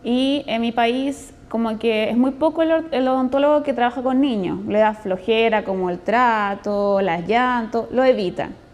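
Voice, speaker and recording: A woman's voice: a little high, moderate pace, a little mellow. A woman dentist from Chile with a Chilean accent, speaking in a testimonial interview in an earnest, explanatory, conversational way.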